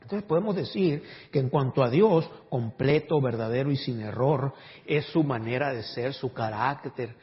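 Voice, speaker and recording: A pastor preaching a sermon, emphatic and calling on the congregation for responses. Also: male voice, medium pitch, moderate pace. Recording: dull audio with long hall reverb.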